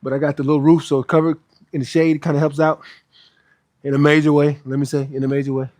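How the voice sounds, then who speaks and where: The voice is a little high and darkish, delivered fast in a level tone, with studio quality and no room sound. He's a fitness trainer hosting a livestreamed workout outdoors under a roof, chatting emphatically and casually between pull-up sets and repeating phrases to drive points home.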